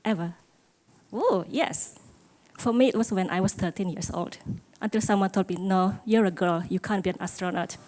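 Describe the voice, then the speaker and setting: A middle-aged woman gives a talk in a conference hall, speaking at a moderate pace with a medium-pitched, slightly mellow voice on a rough recording. She is self-deprecating, jokes about herself, and poses questions to the audience.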